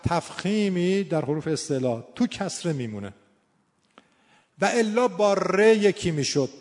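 A man's voice: on the high side, a little mellow. Man teaching recitation in a reverberant hall. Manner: explains, then demonstrates sounds by repeating and drawing out syllables. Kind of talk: tajwid lesson with demonstrated recitation.

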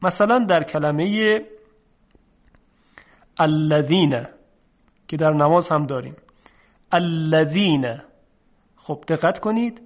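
Man teaching pronunciation, slow and deliberate. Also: on the high side. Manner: slow, deliberate, repeats sounds for drilling. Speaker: teacher of Arabic letter pronunciation. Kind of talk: recorded pronunciation lesson. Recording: dull lo-fi recording.

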